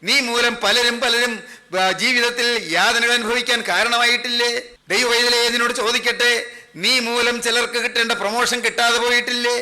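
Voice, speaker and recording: A male preacher with a very high, sharp and bright voice delivers a sermon. He piles up repeated rhetorical questions, addressing listeners as son and daughter. His pitch stays narrow and even, with little rise or fall. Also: normal speed.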